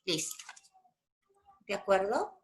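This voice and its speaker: Peruvian woman, teacher; slow, patient explainer, mid pitch. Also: big pitch swings. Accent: Peruvian Spanish. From Peru. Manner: patient, explains step by step with check-in questions. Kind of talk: spoken grammar lesson.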